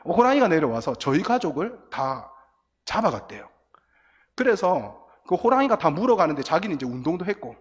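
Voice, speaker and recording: A middle-aged man preaching a lively, story-filled sermon to teenagers, acting out scenes as he goes. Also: high-pitched, slightly rough. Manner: animated storytelling, acts out crying and quotes. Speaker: guest pastor. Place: church sanctuary. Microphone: church sound system, recorded from booth. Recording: long church hall reverb.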